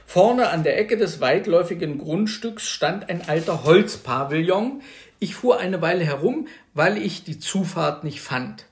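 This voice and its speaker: A man reading a novel aloud, telling a first-person story in an animated way. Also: a little high, unhurried, reverberant. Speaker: reader. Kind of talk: literary reading.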